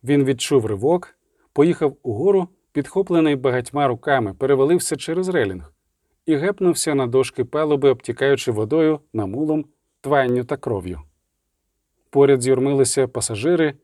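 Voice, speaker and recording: A man narrating an audiobook with vivid, measured storytelling. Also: mid-range voice, expressive, dark tone, no room sound, studio quality.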